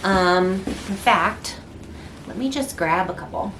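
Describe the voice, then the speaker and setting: A woman's voice: medium pitch, slow pace, a bit bright, a little hiss or hum. A middle-aged woman artist chatting casually to the camera in her studio, rambling with lots of ums and restarts. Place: indoor art studio.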